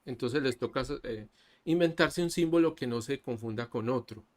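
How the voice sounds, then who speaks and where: A man teaching an online English class, explaining slowly and mixing Spanish with English. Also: medium pitch. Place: online class over a video call. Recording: faint background music. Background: soft background music.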